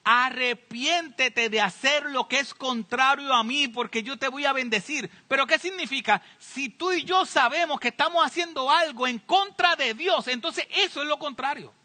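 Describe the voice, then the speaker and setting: A man's voice: very high voice, normal speed, hardly any pauses, bright, forceful tone. A man preaching a sermon as pastor, speaking earnestly to his congregation and repeating key phrases for emphasis.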